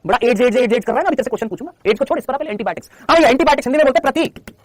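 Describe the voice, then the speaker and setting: Animated, rapid-fire male teacher. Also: very high voice. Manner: chatty, teasing, addresses students as brother and child. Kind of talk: live online class lecture.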